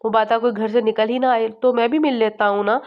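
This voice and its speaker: A woman's voice: a little high, steady tone, fairly quick, natural voice. A woman voicing a teasing young fiancé. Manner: playful, teasing. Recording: slightly muffled lo-fi audio.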